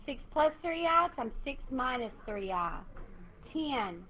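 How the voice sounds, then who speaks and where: Lady math teacher, high voice, tinny thin recording, keeps quizzing the class. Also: normal speed. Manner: encouraging, lively, quizzes the class. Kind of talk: classroom lecture. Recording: tinny phone-like classroom recording, faint hiss.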